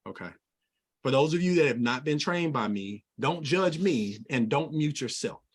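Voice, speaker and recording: A middle-aged man runs a group sales training over a video call, his voice sitting a little high for a man. He talks in an animated, folksy way, racing along with colloquial asides, and the audio comes through as a video-call mic. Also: moderate pace, breathy edge.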